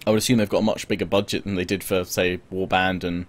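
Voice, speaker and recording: A man with a fairly low voice chats through a gaming podcast, circling back on his words and trailing off mid-thought before picking up again. He talks over a video call with his co-hosts. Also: level tone, quick pace, dry recording. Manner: rambling, with many restarts and fillers. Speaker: podcast co-host. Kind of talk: casual gaming podcast chat. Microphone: webcam video call.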